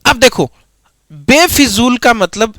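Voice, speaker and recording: Male grammar tutor with a lilt. Bright, sharp tone. Drills students with repeated questions and slow repetition. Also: extremely high pitch, very animated, dry recording. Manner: repeats key words slowly, quizzes students with questions. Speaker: Hindi grammar teacher. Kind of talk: classroom lecture.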